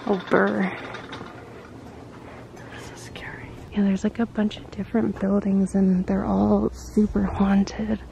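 A young woman vlogging casually at night, musing in a hushed, conversational way on a handheld camera. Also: mid-range voice, level tone, measured pace, creaky, hardly any pauses. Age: young adult. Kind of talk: casual night vlog of a ghost hunt. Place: inside and outside an old hotel at night. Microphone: handheld camera at arm's length. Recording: noisy handheld camera, background hum.

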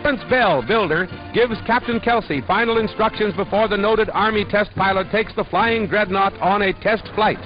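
A man narrating a 1930s newsreel in a brisk, declamatory announcer style, heard as an old newsreel recording. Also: high voice. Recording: muffled vintage newsreel soundtrack with music.

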